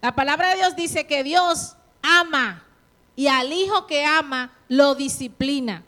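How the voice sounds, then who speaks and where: A woman's voice: high voice, a little slow, a bit bright. A middle-aged woman preaching a sermon to a congregation. She exhorts her listeners, asks them questions and acts out the voices of the people she quotes.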